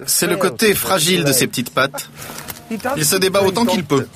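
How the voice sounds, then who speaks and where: An actor voicing a squeamish, self-mocking travelling chef in a dubbed documentary, casual and wry. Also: male voice, high-pitched, moderate pace, natural voice.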